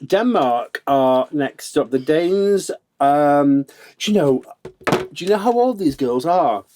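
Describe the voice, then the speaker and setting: A man's voice: on the high side, expressive, slow pace, background noise. A man co-hosting a casual chat show, cheeky and opinionated, often laughing at his own quips. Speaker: podcast co-host.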